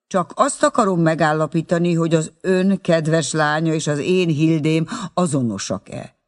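A man's voice: fairly high pitch, lightly acted. A man voicing an awkward, flustered young man in an audiobook reading. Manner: awkward, hesitant.

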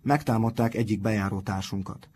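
A man's voice: fairly low pitch, steady tone, mellow, slightly rough. A man reading aloud and voicing an earnest, bold teenage schoolboy who takes the lead. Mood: explaining. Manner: earnest, eager.

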